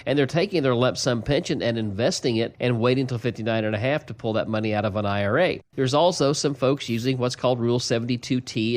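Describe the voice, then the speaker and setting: Male financial advisor, folksy explainer who chuckles between points. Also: medium pitch. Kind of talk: casual explanatory radio talk.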